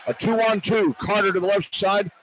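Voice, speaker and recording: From courtside in a large indoor arena, an American radio play-by-play man describes a live basketball game in terse, clipped phrases. His high, fairly bright voice holds a steady tone at a moderate pace. The low-quality broadcast has clear arena noise in the background.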